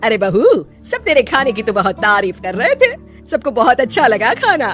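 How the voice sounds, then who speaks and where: A woman's voice: fairly high pitch, big pitch swings, moderate pace, fairly bright tone, faint music behind. A woman playing an emphatic, chatty older mother-in-law. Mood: pleased. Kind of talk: Hindi cartoon moral story acting.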